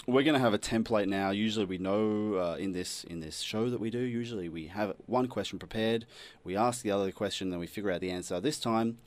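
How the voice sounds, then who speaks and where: A man's voice: fairly low pitch, brisk. A man co-hosting a casual comedy podcast, joking and laughing often. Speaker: podcast co-host.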